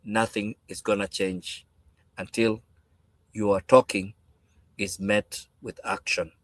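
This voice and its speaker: A man's voice: on the low side, level tone, slow, no echo. A man giving a faith-based motivational talk as a panel speaker, emphatic and preachy, repeating words for weight.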